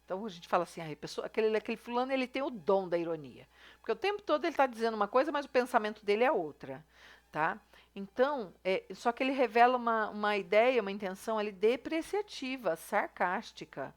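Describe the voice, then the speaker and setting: A woman's voice: fairly high pitch, animated, fast talker. A woman teacher explaining a review lesson in a chatty way, often checking in with her students. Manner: chatty, explaining step by step with frequent "tá?" and "né?". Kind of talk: recorded class review lesson.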